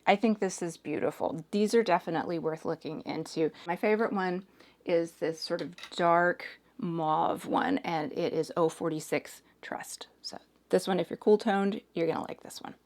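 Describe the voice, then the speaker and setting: Woman, forties, hoarse, lowish voice, casual chatty makeup talk, lots of "like" and "sort of". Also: normal speed, a little mellow. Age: 40s. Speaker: makeup reviewer. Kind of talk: casual chat while doing makeup.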